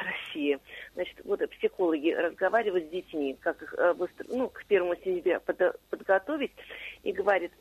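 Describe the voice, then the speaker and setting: A woman's voice: on the low side, husky, dry recording. A woman calling a radio show, hesitant and forgetful, with many fillers. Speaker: caller. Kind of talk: phone call to radio. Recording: dull phone line.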